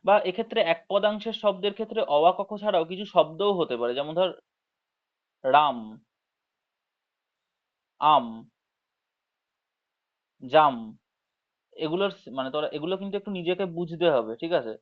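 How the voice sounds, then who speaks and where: A man teaching an online class to school students, explaining slowly, checking in with frequent tag questions and drawing words out syllable by syllable, on dull lo-fi audio. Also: sits high. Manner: drawls words out syllable by syllable when demonstrating.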